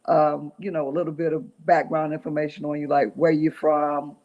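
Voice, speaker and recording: A woman hosting an interview, speaking haltingly with many fillers and restarts. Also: sits low, little pitch movement. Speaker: interview host. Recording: dull lo-fi sound.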